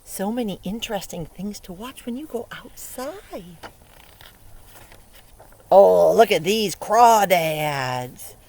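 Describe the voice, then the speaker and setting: An early learning teacher with a medium-pitched voice reads a picture book aloud to young children beside a lake. She's playful and expressive, stopping to ask the kids questions and acting out the sound words. Steady outdoor ambient noise from the water runs under the whole recording.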